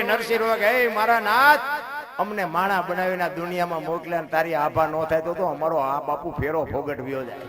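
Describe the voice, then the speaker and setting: A man telling folk moral stories at a devotional gathering. He jumps from loud exclaiming to low murmured asides.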